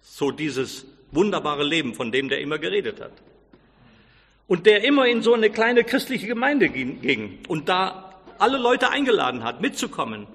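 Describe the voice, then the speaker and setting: A man's voice: a little high, big pitch swings, normal speed, a bit bright, in a large hall. A man preaching, telling a story in a sermon and acting out the characters' quoted lines with feeling.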